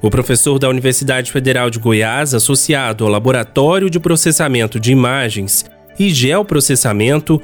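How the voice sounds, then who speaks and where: A man's voice: mid-range voice, normal speed, soft background music. A man with a Brazilian accent reading scripted news narration as a radio reporter.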